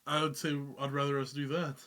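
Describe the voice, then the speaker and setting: Guy co-host, slightly high bright voice, chill and wry, short replies. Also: level tone, a little fast. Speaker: reaction channel co-host. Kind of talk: casual chat.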